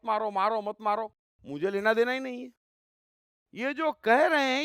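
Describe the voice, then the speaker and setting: Man, spiritual discourse, smooth voice, dry close sound, emphatic, rhetorical questions. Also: very high-pitched, a bit bright, no room sound. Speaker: spiritual speaker.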